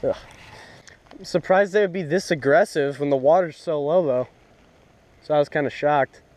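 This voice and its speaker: A young fishing vlogger films himself on a lakeshore with a head-mounted action camera, chatting in a relaxed, rambling way full of fillers. His voice is on the high side at a normal speed, with no echo in this outdoor commentary.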